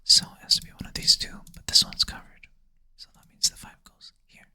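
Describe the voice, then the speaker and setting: Speaking in a soft, drowsy whisper at a brisk pace, a Swedish-native ASMR creator works through a puzzle on a close mic, musing out loud and being self-deprecating along the way.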